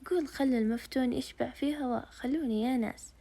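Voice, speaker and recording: A woman's voice: high-pitched, fast, warm tone. A woman voicing a lovesick, playful young man who is tender with his family. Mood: lovestruck. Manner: affectionate, teasing.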